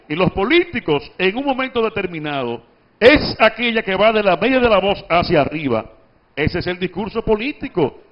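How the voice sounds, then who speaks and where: High-voiced man teaching oratory. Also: dull audio. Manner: didactic, addresses audience with questions. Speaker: oratory instructor. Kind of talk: public speaking workshop lecture. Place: workshop at a book fair.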